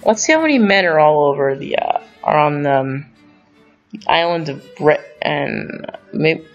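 A gaming channel host thinks aloud through strategy game commentary, wandering into asides and correcting himself as he goes. His voice sits a little high and sounds creaky, animated and unhurried. The recording is dull and lo-fi, with faint music underneath.

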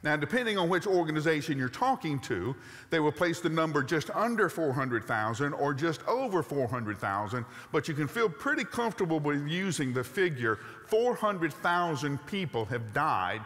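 A man in his sixties preaching a sermon from a church stage, animated and emphatic, with rhetorical questions and a Southern US accent. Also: on the high side, normal speed. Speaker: pastor. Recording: long reverb of a large sanctuary.

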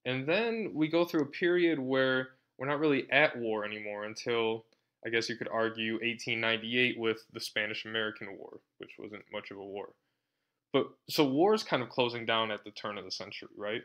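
A man's voice: medium pitch, moderate pace, a bit bright, lo-fi sound. Man lecturing with a sarcastic edge. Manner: conversational, frequent tag question "right?". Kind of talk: university lecture.

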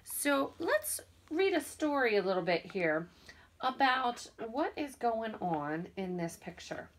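A woman teaching young children from home, speaking slowly and clearly, sounding out words and encouraging them. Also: a little high, sing-song. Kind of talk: remote lesson for young children.

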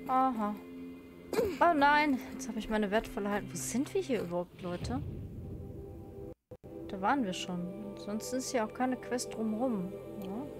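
A woman's voice: on the high side, animated, measured pace, long pauses. Woman, let's play commentary, chatty, joking, music behind. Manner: chatty, joking, talks to viewers. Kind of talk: casual gameplay commentary.

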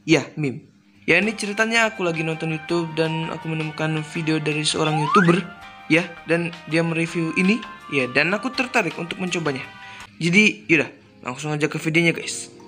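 Brief: young male gaming YouTuber, high-pitched, chatty and excitable, loud game music behind him. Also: a little fast. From Indonesia. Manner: excitable, chatty, frequent exclamations and giggles. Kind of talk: casual gameplay commentary. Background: game music and sound effects.

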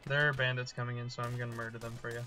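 A man's voice: medium pitch, flat delivery, very fast, very noisy. A young man hosting a game playthrough with casual commentary. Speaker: gamer host of a let's play.

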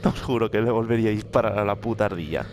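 A man's voice: on the low side, fast talker, a crowd in the background. A young man with a Spain accent giving casual, slangy, sweary let's play commentary. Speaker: gamer. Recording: loud game music behind.

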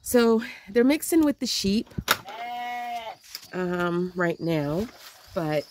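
In her thirties and from Panama, a farm vlogger with a fairly low voice records herself on an arm's-length phone in an outdoor farm's open-sided animal pen. She chats unhurriedly through a casual walkthrough, stumbling into ums and restarts, as goats and sheep bleat loudly over the outdoor noise.

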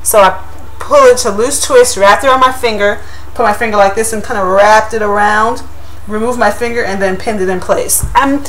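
Chatting upbeat to her webcam in her home kitchen, a young vlogger gives a casual review of a pie crust shield through the built-in mic near the camera. She speaks at a medium pitch in a steady, fairly bright tone and moderate pace, on a rough recording with slight background noise.

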